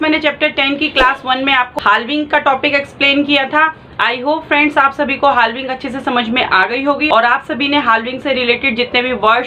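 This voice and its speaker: A woman's voice: high voice, sharp tone, a little hiss or hum, rough recording. A woman teaching a shorthand class online. She explains patiently and spells out sounds step by step.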